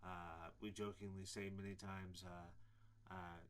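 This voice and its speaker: Casting: man in his 40s, deep voice, preacher telling his own story, loose and rambling, lots of ums. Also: flat delivery, slow pace. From Illinois, USA. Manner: rambling, many fillers and restarts. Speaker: preacher giving his testimony. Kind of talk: casual personal testimony to camera.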